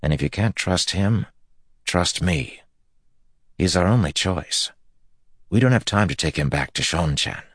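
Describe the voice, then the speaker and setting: A man's voice: low voice, expressive, a little slow, pauses often, a bit bright, slightly rough, dry recording, studio quality, voice pushed up, heavily acted. A man voicing a roguish, easygoing young man in an audiobook, casual and coaxing.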